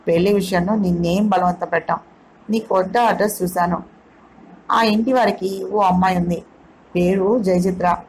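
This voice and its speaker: A woman's voice: lowish voice, fairly even intonation, moderate pace, darkish tone, slight background noise, close to an everyday voice, low-quality recording. Woman reading as a playful young man. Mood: explaining. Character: young man, teasing and good-humored suitor.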